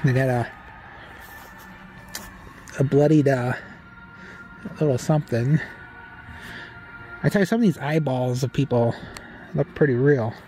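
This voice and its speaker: Middle-aged male vlog host, mellow unhurried delivery, outdoor night phone recording. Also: mid-range voice, steady tone, soft background music. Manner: chatty, reads signs aloud with dry jokes. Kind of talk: casual walkthrough narration. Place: outdoors at night at a haunted farm attraction.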